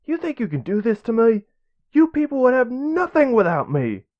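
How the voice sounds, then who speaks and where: A man voicing a furious, loud male mercenary liaison who shouts and spits insults. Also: very high-pitched, sing-song, normal speed, dull audio, voice pushed up.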